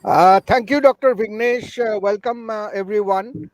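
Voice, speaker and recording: An Indian man with a fairly high voice introduces a speaker over an online conference call, and his audio keeps dropping and breaking up. His delivery is halting and stop-start. The sound is dry and close, with no room around it. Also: no echo. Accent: Indian English. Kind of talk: formal introduction read out on a video call. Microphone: video call.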